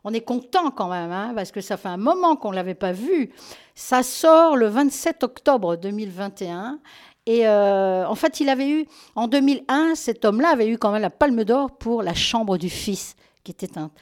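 Woman host, fairly high voice, chatty and familiar, plenty of fillers and self-corrections. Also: expressive, moderate pace, a little mellow. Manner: affectionate toward listeners. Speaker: host presenting film releases. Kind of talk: casual radio-style chat.

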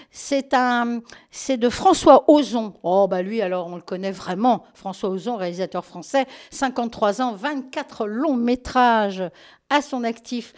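A woman's voice: fairly high pitch, a little mellow. A woman hosting a casual chat about new films, chatty and affectionate toward her listeners, often stopping to correct herself. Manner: chatty, full of fillers and self-corrections. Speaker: host presenting film releases. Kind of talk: casual radio-style chat.

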